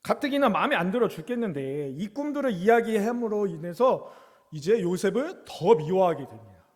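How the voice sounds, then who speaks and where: A man's voice: sits high, sing-song, normal speed, a little mellow, in a large hall. A young man preaching to children and teens as their youth pastor, in a conversational way that keeps asking them questions. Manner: conversational, asks the kids questions.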